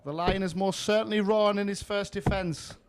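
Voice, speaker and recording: High-pitched male darts commentator. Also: fairly even intonation, brisk, background noise. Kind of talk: live sports commentary.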